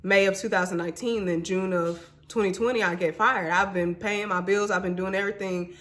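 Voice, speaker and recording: A woman's voice: medium pitch, fairly even intonation, a little fast, a bit bright. A young woman in her twenties from Mississippi speaks to her viewers in a personal vlog. She is candid and emotional, calling them y'all and honey as she tells her story. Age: 20s. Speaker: vlogger.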